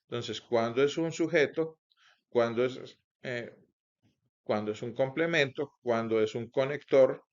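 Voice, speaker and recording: A man teaching a grammar lesson, explaining slowly and carefully, with many small connecting words. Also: mid-range voice. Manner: slow, careful explaining with frequent "pues" and "entonces". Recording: dull lo-fi recording.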